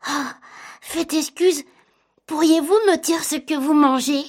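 Storybook elephant calf, boy, very high childlike voice, timid and over-polite, played by a woman narrator. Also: slow pace, darkish tone.

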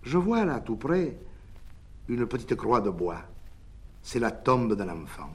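A man's voice: medium pitch, sing-song, takes it slowly. Man doing a jovial teasing village doctor.

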